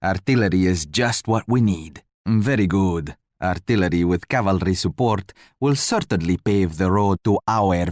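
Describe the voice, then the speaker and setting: Man acting Henry the Navigator, pompous low-voiced royal commander. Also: no echo, clean studio sound, close to an everyday voice. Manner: pompous, formal, theatrical. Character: pompous, genteel royal commander, a scheming strategy-game rival and ally. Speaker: video game character. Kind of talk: scripted strategy game voice lines.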